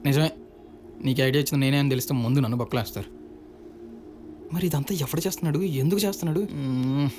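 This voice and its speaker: An actor playing a teasing young friend who helps the hero scheme in a film. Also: male voice, mid-range voice, fast talker, long pauses, a little mellow, faint music behind, lightly acted. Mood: plotting. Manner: teasing, casual. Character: joking young friend and sidekick. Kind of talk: film acting.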